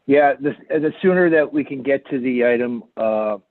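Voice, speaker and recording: A man speaking at a remote committee meeting over conference call audio, halting and repeating words. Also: medium pitch, dry recording. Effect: phone-line conference call audio. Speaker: committee member. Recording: tinny phone line, dry.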